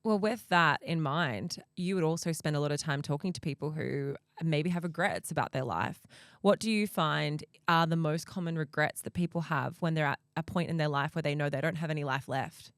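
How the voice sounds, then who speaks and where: Low-voiced woman hosting a podcast. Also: moderate pace, dry recording, studio quality. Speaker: podcast host interviewing a guest. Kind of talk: conversational interview, reflective questions.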